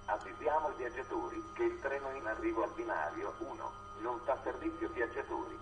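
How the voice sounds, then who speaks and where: A man's train station announcement rings out from a platform loudspeaker, formal and evenly measured. It sounds distant, bouncing around the open station, with loud music playing over it. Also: medium pitch, expressive. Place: outdoor railway platform. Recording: echoey loudspeaker heard from afar.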